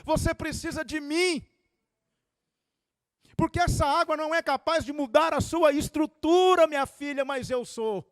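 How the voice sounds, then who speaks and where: A tender yet fervent divine voice calls a woman to himself, rising high with feeling, played by a male preacher. The recording is close and dry. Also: measured pace, no echo. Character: tender Jesus speaking lovingly to a woman.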